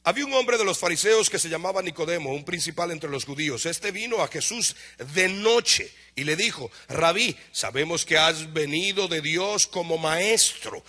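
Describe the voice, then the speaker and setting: With a moderate pace and few pauses, a Dominican Spanish-accented pastor from the Dominican Republic gives his congregation a lively sermon. He answers questions he raises himself, shouting some points animatedly before lowering into an aside.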